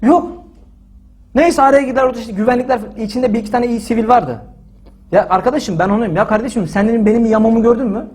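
Fast, husky high-voiced man. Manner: animated, acts out quoted dialogue with frequent "dedim"; indignant and emphatic. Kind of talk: casual spoken storytelling.

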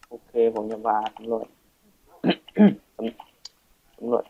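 A man's voice: mid-range voice, sing-song, drawn-out words, slightly rough, dull audio. A teenage boy casually talking through a game tutorial, thinking aloud and muttering as he plays. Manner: chatty, thinking aloud, counting and muttering while playing. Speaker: Minecraft let's play host. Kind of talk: casual gameplay tutorial commentary.

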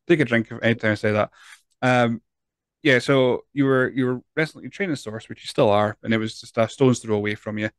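A Scottish man in his thirties hosts a casual interview podcast from a home studio, wearing headphones and speaking close to a large studio mic. His voice sits at medium pitch and moves a little fast, with no room sound, as he asks long, rambling questions full of restarts.

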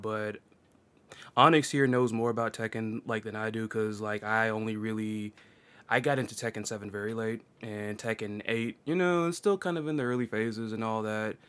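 A man's voice: on the low side, fairly bright tone. A man hosting a casual chat about fighting games, rambling with lots of fillers and laughing often. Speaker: podcast host.

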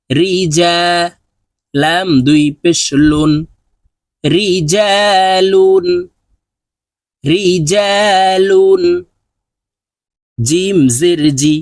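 A man teaching Quran reading, his voice pitched a little high. He works at a very slow pace, spelling out each syllable and then drawing out the joined word. The recording is dry and close. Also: no echo.

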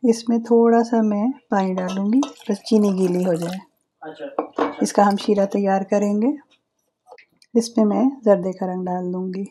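A woman hosting her cooking channel, calmly explaining each step of a recipe as she cooks in her home kitchen. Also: medium pitch, measured pace, a little hiss or hum.

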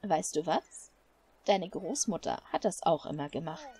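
A woman's voice: fairly low pitch, sing-song, darkish tone, slight background noise, pitched below the performer's own voice. A woman reading a stern old island woman. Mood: reproachful. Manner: stern, scolding, slow and weighty. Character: stern elderly island woman, protective elder. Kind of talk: game dialogue read aloud. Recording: faint music behind.

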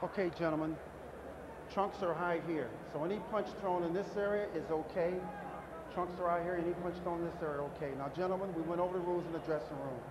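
A man's voice: a little high, fairly even intonation, fast. Male referee in an echoey arena. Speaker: boxing referee. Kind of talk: brisk pre-fight instructions. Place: boxing ring in large arena. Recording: echoey noisy arena, off mic. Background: arena noise.

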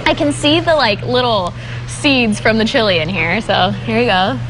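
A woman's voice: a little high, moderate pace, background noise. A woman hosting an upbeat TV interview in a studio, chatty and playful. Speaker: TV host.

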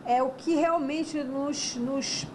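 A woman's voice: high-pitched, fairly even intonation, slow pace, a little hiss or hum, rough recording. A woman police investigator recounting an arrest to a reporter, hesitant and searching for words.

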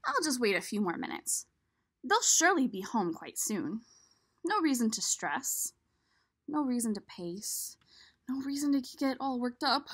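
A woman's voice: a little high, very animated, measured pace, fairly bright tone, breathy edge, full character voice. A woman voicing a worry-prone homebody egg from a picture book, reading expressively and chattily to the listener. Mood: uneasy. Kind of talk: expressive storybook read-aloud.

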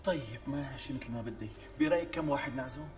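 An actor playing a cornered young fiancé with a Damascene Syrian accent, protesting and pleading about money in a TV sitcom. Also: male voice, mid-range voice, a little mellow, lightly acted. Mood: exasperated. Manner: exasperated, pleading, quick protests. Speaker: fiancé, shop owner. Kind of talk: TV sitcom acting. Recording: distant mic with faint music.

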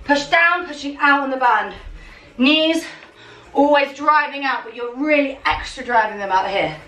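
Her voice sits high and a little bright, moving at a moderate pace as this young adult woman coaches a home workout. She keeps people going with brisk, commanding cues, countdowns and encouragement. The camera stands a few metres off in a small living and dining room, so the audio is roomy, with music playing beneath.

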